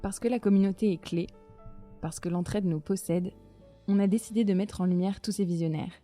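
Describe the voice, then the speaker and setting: A woman's voice: medium pitch, fairly even intonation, brisk, mellow, soft background music. A woman hosting an interview podcast, introducing her guest in an upbeat, chatty way. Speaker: podcast host.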